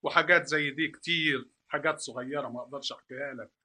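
An actor playing a patient older father with an Egyptian accent, measured and persuasive, in radio drama acting. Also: mid-range voice, bright, forceful tone. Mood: reasoning. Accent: Egyptian Arabic. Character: Amal's father, a patient, reasoning older man.

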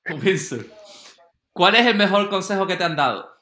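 A man's voice: high voice, expressive, normal speed, sharp tone. A man co-hosting a casual podcast, firing off upbeat quiz-style questions. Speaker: co-host.

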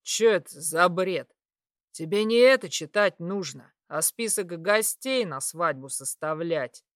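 Woman doing a cruel young male satyr, lowered voice, sneering, menacing, dry storybook reading. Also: animated, measured pace, no echo.

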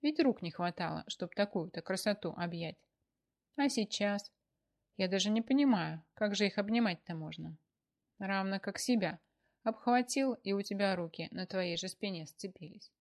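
A man's voice: high-pitched, moderate pace, creaky. A woman voicing a blustering, folksy older husband in a read-aloud story. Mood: indignant. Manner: folksy, exclamatory.

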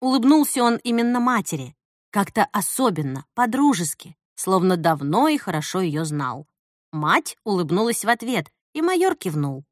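An audiobook narrator, a woman, reads a scripted story with expressive storytelling flair. Her pitch is medium and her pace normal, captured as clean studio sound with no echo.

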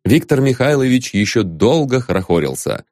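An audiobook narrator reads a satirical novel aloud in an expressive storytelling style. His voice is medium-pitched at a normal speed, recorded with clean studio sound and no room echo.

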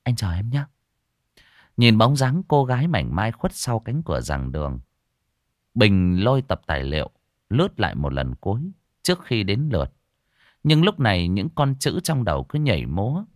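Lively-voiced male narrator. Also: lowish voice, moderate pace, dry recording, clean studio sound. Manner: expressive, dramatic storytelling. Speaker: storyteller. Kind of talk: dramatic horror story narration.

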